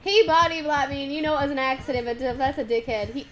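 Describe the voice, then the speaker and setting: A young woman streaming a horror game with friends, swearing often, laughing a lot and shouting when excited. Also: sits high, quick pace, slight background noise. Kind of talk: casual gaming chat.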